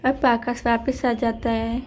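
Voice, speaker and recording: A woman's voice: a little high, flat delivery, takes it slowly, a little mellow. A woman narrating a homemade doll story in a simple, plain way.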